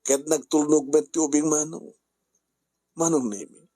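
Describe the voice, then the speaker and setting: A man with an Ilocano accent who narrates a radio letter-drama in a slow, measured storytelling manner. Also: on the high side, dark tone, breathy edge, no echo.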